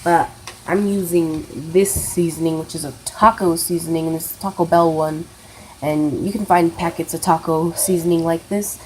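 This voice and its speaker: A woman's voice: low-pitched, fairly even intonation, normal speed, darkish tone, low-quality recording. A woman casually hosting a cooking demonstration, loosely explaining each step as she goes. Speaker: cooking video host. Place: kitchen, indoors. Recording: clear kitchen noise, sizzling and pans.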